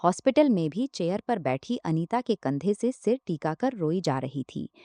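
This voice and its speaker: Mellow-voiced woman narrating a novel. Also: fairly low pitch, big pitch swings, moderate pace, dry recording, studio quality. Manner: reads every part herself and tags each speaker by name. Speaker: storyteller.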